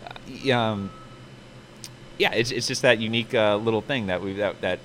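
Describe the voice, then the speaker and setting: Inside a pizza restaurant, a man being interviewed on site as its manager chats casually and at length, rambling through promotional talk. His voice is on the low side and a bit bright, at a moderate pace, with a little hiss or hum.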